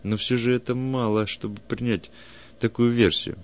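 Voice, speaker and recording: A man's voice: mid-range voice, fairly even intonation, moderate pace, close to an everyday voice. A man reading as a wry alien historiographer. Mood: skeptical. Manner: doubtful, ironic.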